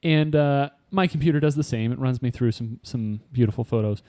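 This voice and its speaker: A man chatting casually on a podcast, rambling and musing out loud with the odd chuckle. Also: medium pitch, brisk, no room sound. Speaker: quiz contestant, co-host.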